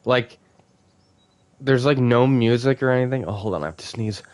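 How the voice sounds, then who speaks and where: A man's voice: medium pitch, normal speed, a little mellow, dry recording. A man giving casual, rambling gameplay commentary as a let's play host, full of fillers and easy laughs.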